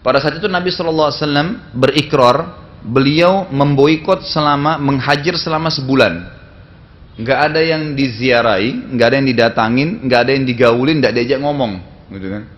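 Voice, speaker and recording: A man's voice: fairly high pitch, highs cut off. A man giving a religious sermon, telling stories in a loose conversational way and often tagging his sentences with small fillers. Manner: conversational storytelling with frequent tag fillers. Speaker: Islamic preacher. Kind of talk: sermon lecture.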